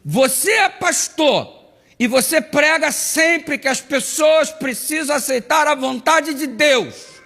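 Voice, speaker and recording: A man's voice: extremely high pitch, expressive, slow pace, creaky, pushed and bright, pitched above the performer's own voice, heavily acted. A man putting on his teasing old mother. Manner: teasing, sing-song. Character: doting older mother teasing her son. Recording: long hall reverb.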